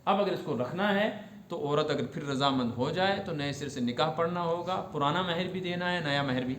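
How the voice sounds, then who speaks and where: Guy teaching a religious class, fairly high voice, roomy echo and faint hiss, keeps checking if students got it. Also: fairly bright tone. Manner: explains step by step and checks understanding with questions.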